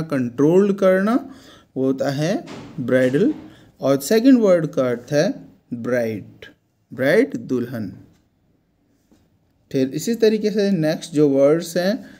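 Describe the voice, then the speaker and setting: Mellow-voiced male teacher. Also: on the high side. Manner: explains word meanings slowly and repeats words. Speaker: English teacher. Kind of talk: vocabulary lesson in Hindi.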